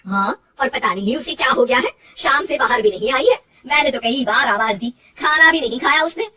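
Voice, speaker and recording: A woman voicing a bossy but kindly older mother-in-law who gives orders loudly. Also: sits high, a little fast, distant mic. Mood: worried. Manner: loud, commanding, motherly.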